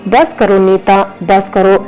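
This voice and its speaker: Lady reading a doting old dad-in-law, warm but stern, storybook style. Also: mid-range voice, fairly even intonation, slow pace, soft background music, natural voice, poor audio. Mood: angry. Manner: warm, scolding. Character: affectionate, stern elderly father-in-law.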